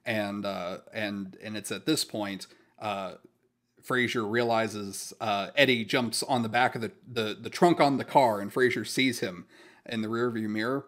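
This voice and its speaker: A man's voice: fairly low pitch, steady tone, measured pace, a bit bright. Podcast co-host, male, loose chatty recap, stumbles and restarts. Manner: rambling, many restarts and quoted lines. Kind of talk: casual chat recapping a sitcom episode.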